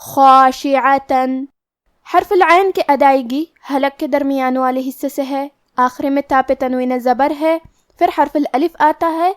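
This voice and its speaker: Woman, high voice, Quran recitation teacher; methodical step-by-step explainer, slow drawn-out recitation. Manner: methodical, explains each letter rule step by step; recites verses very slowly and drawn out.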